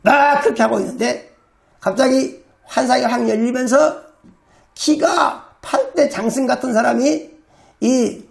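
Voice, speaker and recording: A pastor giving an emphatic healing sermon, acting out quoted commands with shouts. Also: high voice, unhurried, creaky.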